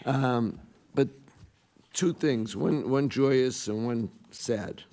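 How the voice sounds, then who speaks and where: A man speaking informally as a city councilor at a public meeting, halting, his voice hoarse, raspy and partly whispery as it comes back after being lost. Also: mid-range voice, warm tone. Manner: halting, hesitant delivery.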